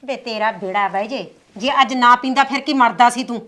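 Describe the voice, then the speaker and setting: Sharp-tongued village mother, as a woman plays her. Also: fairly high pitch, fairly quick. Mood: scolding. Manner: soothing with her daughter-in-law, scolding and threatening toward her son. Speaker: mother and mother-in-law. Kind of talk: village family drama acting.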